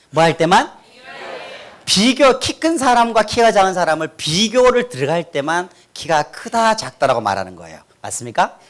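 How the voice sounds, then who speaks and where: Lively high-voiced man telling funny testimony. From Korea, North Gyeongsang. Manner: animated, acts out quotes, leads crowd in repeating. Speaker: guest speaker giving testimony. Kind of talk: humorous church testimony. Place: church hall with audience. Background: audience laughter.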